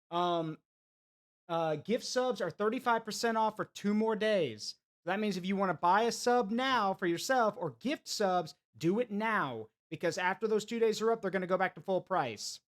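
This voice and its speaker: A man's voice: sits high, lively intonation, moderate pace. A man hosting a live game stream, chatting casually to viewers while chewing gum.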